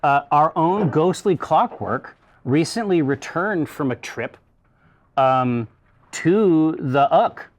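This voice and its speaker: A man hosting a casual tasting show, talking at length and swearing casually as he explains. His voice sits slightly higher than most men's. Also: lively intonation, takes it slowly. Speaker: show host. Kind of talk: casual chat.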